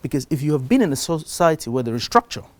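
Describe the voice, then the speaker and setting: Middle-aged man giving an animated conference talk. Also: on the high side, fast talker, dry recording. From Cameroon. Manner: animated, shifts loudness for emphasis. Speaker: conference speaker. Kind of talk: live talk on investing. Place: conference stage before an audience.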